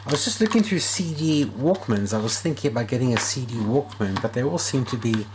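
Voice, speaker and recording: A radio repair hobbyist hosts a hands-on repair vlog, thinking aloud informally as he works. His medium-pitched voice is animated and runs a little fast. Background noise is clearly audible.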